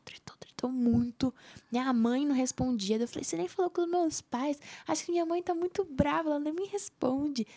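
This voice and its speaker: A young woman with a Brazilian Portuguese accent telling a personal story in a casual vlog, animated and dropping into whispers for emphasis. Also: high-pitched, gravelly, no room sound. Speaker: vlogger.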